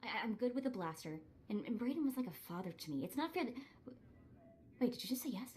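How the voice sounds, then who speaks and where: An actress plays an eager, determined young streetwise sidekick in a cinematic video game, sounding earnest and spirited. Her female voice is a little high and a little mellow, very animated and fast, with a slight hiss or hum in the recording.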